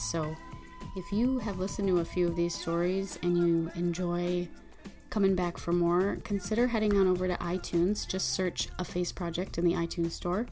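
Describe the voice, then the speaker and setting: A woman hosting a podcast, reading listener reviews and introducing the guest in a friendly, unhurried way with occasional ums. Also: lowish voice, mellow. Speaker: podcast host.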